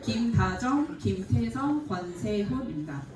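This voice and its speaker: A woman's voice: on the high side, expressive, a little slow, over music. Woman reading names in an echoey hall. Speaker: announcer. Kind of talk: reading name lists and announcements. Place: church hall. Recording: echoey hall from far off, noisy crowd. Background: loud crowd and noise.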